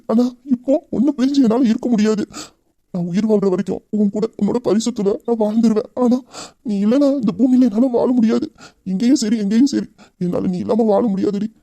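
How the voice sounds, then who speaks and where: A man's voice: high-pitched, warm tone, no echo. A man with a Tamil accent playing a loving young husband who grieves his mother, talking intimately and heartfelt. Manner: intimate, heartfelt, rapid talk. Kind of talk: romantic audio drama.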